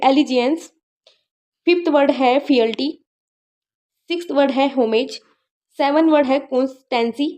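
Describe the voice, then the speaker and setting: A young woman gives an exam-prep English vocabulary lesson in a high, light voice. She talks patiently and repeats and spells key words letter by letter. She keeps checking in with her listeners as she goes. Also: darkish tone. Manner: constantly checks in with "ठीक है". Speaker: English teacher.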